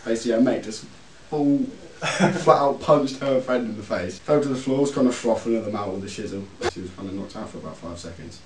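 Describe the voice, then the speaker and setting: Young English guy, vlogger, low voice, crude and laughing, roomy distant sound with hiss. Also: brisk, hardly any pauses. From England. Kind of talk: casual chat with friends. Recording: echoey room, far from the mic, faint hiss.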